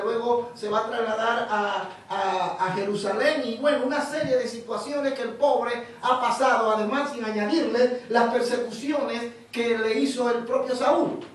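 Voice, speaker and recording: A Panamanian man preaching a sermon in an animated storytelling way, repeating words as he goes. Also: extremely high pitch, very echoey, distant mic, a little hiss or hum, rough recording. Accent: Panamanian Spanish.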